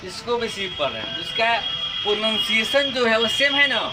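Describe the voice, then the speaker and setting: A man teaching a class, who dictates definitions slowly and then explains them quickly with questions to his students. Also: high voice, big pitch swings. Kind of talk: classroom lesson. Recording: noisy, with traffic sounds outside.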